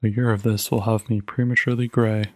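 A man's voice: lowish voice, level tone, fairly quick, slight background noise, natural voice. A man voicing a weary, skeptical husband who grumbles glumly in a storybook reading. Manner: glum and grumbling.

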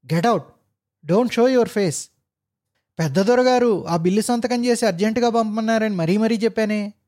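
A man voicing an arrogant male engineer boss who barks insults and mixes English words into his shouting. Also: on the high side, lightly acted. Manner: barking insults, mixing in English.

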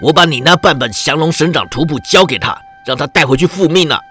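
A man's voice: fairly high pitch, quick pace, sharp tone, husky, faint music behind. A man voicing a fierce, defiant captive Jurchen warrior who speaks with a cold, mocking sneer in a wuxia story. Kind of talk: wuxia audiobook character voice.

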